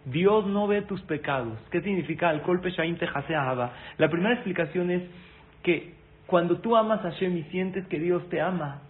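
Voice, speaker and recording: A man's voice: sits high, moderate pace. A man giving a sermon-style lesson, asking listeners questions and speaking to them directly, with Hebrew terms woven into his speech. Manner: weaves Hebrew terms into Spanish. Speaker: religious teacher. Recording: tinny phone-like audio with faint noise.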